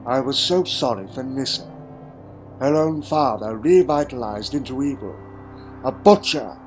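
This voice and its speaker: A man's voice: medium pitch, lively intonation, faint music behind, lightly acted. A man playing an eccentric, wry Time Lord adventurer, delivering a theatrical, brooding monologue in a fan audio drama. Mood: grave, regretful. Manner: theatrical, brooding, with dramatic pauses and sudden exclamations.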